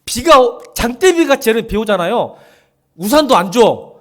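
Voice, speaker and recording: Animated pastor with a lively voice. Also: male voice, very high voice, moderate pace. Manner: animated, joking with the congregation, bursts into shouting. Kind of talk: sermon. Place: church sanctuary.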